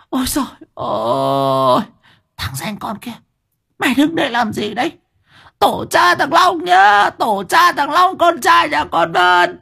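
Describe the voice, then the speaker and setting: A man voicing a crazed, ravenous old grandmother who screeches curses in a raspy, cracking voice. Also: very high voice, bright, forceful tone, pitched above the performer's own voice, heavily acted. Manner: screeching curses, drawn-out wails.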